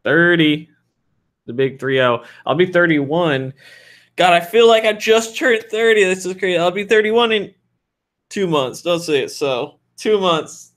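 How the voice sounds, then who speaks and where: A man's voice: sits high, measured pace, fairly bright tone. A man in his thirties answering viewer questions in a loose, frank, rambling way with lots of fillers. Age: 30s. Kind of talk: casual livestream Q&A.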